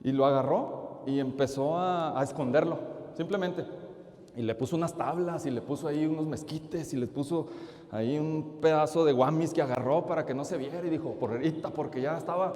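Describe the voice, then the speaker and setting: A man's voice: a little high, brisk. A man, a lay preacher at a retreat, telling a story in a sermon and asking the audience questions. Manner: lively, asks the audience questions. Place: large church. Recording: echoey church hall.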